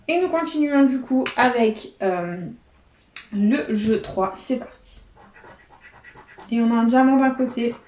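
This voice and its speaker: A woman's voice: mid-range voice, mellow. A woman vlogger giving casual running commentary as she scratches lottery tickets, chatting to her viewers like friends. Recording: echoey room with faint noise.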